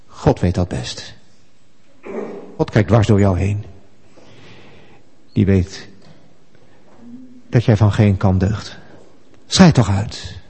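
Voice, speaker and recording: A man's voice: fairly low pitch, slow, pauses often, darkish tone, breathy edge, voice pushed down, exaggerated voice. A man voicing a scornful inner voice that belittles the listener. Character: sneering inner voice of accusation, male.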